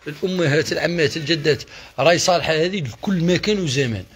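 A man with an Algerian accent, a shop seller doing a repetitive, pushy live sales pitch to his viewers. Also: quick pace, a bit bright. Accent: Algerian Arabic.

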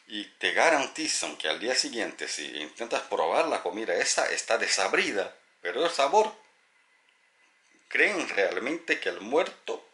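A man, a teacher, giving a gentle, thoughtful reflective talk to camera and telling a story. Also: fairly low pitch.

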